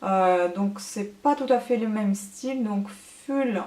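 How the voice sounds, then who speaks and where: A woman's voice: medium pitch, takes it slowly, dark tone. Woman beauty vlogger, casual haul chat, hesitant fillers, echoey room. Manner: chatty, many hesitant fillers.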